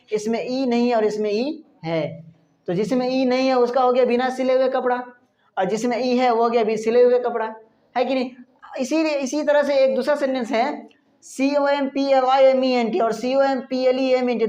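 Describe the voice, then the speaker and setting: A woman's voice: a little high, darkish tone. A woman teaching a spoken English lesson, spelling words out letter by letter and asking her listeners rhetorical questions. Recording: echoey room.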